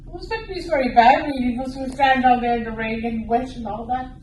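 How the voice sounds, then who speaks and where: A woman's voice: high-pitched, very fast, a little mellow. A woman with a west of Ireland accent answering informally in an interview, often repeating herself. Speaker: campaign interviewee. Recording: echoey room, distant mic, faint noise.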